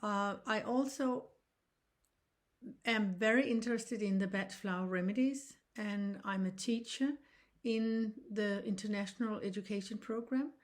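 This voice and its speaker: In an informal online lesson, a Danish woman in her sixties teaches reflexology in English, her second language. She explains earnestly but haltingly, often restarting, in a mid-range voice with a steady tone.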